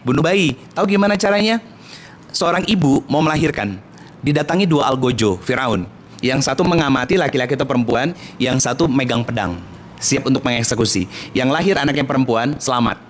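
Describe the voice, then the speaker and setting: A man in his thirties from a Minangkabau family, preaching a soft-spoken sermon and questioning the women listening directly. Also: medium pitch, a little fast, a little hiss or hum. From Indonesia, Minangkabau family. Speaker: Islamic preacher.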